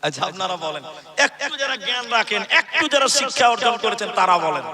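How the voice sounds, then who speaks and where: A man's voice: high voice, expressive, fast talker. A male preacher giving a live sermon, telling stories and calling on the listeners to answer him. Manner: storytelling, quizzes the crowd for answers. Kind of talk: live outdoor religious sermon.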